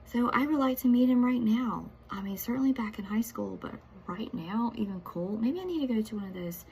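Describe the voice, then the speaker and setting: A woman's voice: a little high, brisk, darkish tone, husky, low-quality recording. A woman chatting through a casual video message, often dropping to a half-whisper.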